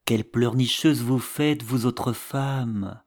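A man's voice: medium pitch, slow. A man voicing a brash, boastful young teenage boy who scorns everyone around him in an audiobook reading. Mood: mocking. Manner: scornful, blustering. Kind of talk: audiobook character voice.

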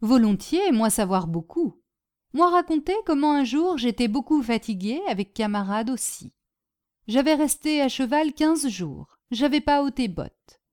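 A woman's voice: high voice, expressive, a little slow, a little mellow, voice pushed up. A woman voicing a young Polish exile man who speaks broken French with a Polish accent in short, simple phrases. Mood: recounting.

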